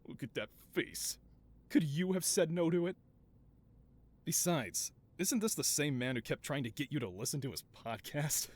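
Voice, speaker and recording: A man with a higher voice and lively intonation, speaking at a normal speed, performs a scripted audio roleplay as a mad scientist supervillain boss who is flamboyant and doting. He comes across as defensive and coaxing, theatrical and wheedling as he justifies himself.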